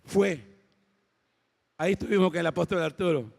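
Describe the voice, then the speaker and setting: Gravelly Mexican preacher in echoing hall. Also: male voice, sits high, normal speed. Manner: dramatic storytelling, rising to shouted exhortation. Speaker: pastor. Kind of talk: sermon. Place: church auditorium. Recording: long church-hall reverb.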